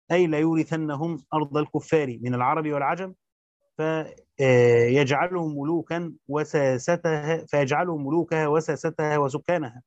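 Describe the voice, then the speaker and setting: A man reading a Quran commentary aloud as a teacher, rushing through the text and stopping for short explanations. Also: fairly high pitch, a little mellow, dry recording, lo-fi sound. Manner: rapid recitation with brief spoken explanations.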